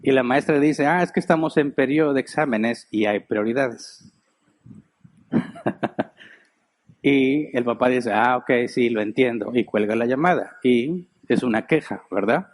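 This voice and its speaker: A man's voice: mid-range voice, a little slow. A middle-aged man with a Mexican Spanish accent, a pastor giving a sermon in a chatty, storytelling way. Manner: storytelling, conversational, laughs while telling anecdotes. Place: church.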